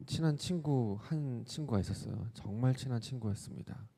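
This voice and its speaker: A man's voice: mid-range voice, a little fast, creaky, warm tone. A man pastor giving a sermon, telling a personal story and asking the congregation questions.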